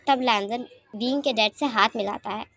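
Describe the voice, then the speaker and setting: Expressive woman storyteller, fairly high voice. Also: moderate pace. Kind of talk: fan fiction narration.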